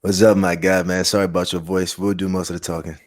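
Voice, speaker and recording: Lowish-voiced man, blunt and slangy. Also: flat delivery, fast. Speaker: podcast co-host. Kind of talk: casual sports commentary chat.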